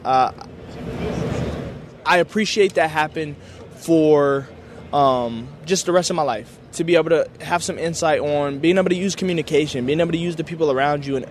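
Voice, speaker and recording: A young college football player with a higher-pitched voice speaks at normal speed, with a little hiss or hum in the recording. Answering media day questions, he sounds enthusiastic, grateful and casual, using lots of filler words.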